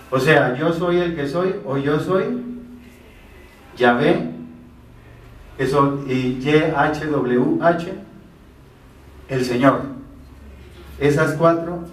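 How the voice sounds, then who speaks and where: A man teaching the Bible as a preacher, explaining verses step by step and answering his own rhetorical questions. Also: fairly high pitch. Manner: poses rhetorical questions and answers them himself. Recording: roomy, from a distance.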